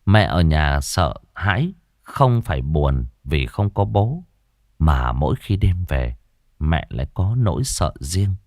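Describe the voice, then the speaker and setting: A male storyteller narrates a ghost story with a very low voice. His pitch swings widely as he builds tension. The sound is dry and close. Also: sing-song, a little mellow, dry recording. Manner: slow, dramatic storytelling.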